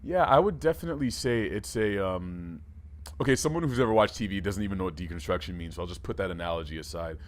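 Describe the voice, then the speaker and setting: A man's voice: low voice, quick pace, lightly acted. A man playing a red alien co-host of a comedy talk show, rambling and playful.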